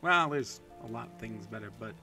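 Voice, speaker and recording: A man's voice: on the low side, animated, fairly quick, vocal fry. A man from California giving casual, crude, profane commentary while playing a video game. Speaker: gaming video host. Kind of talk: casual let's-play commentary. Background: game music.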